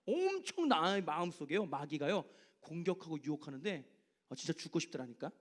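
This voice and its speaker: A man's voice: on the high side, a little fast. A man, a youth pastor, preaching to teenagers in a church service, telling personal stories and putting questions to them. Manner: animated, asks the teens direct questions. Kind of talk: youth sermon with personal storytelling.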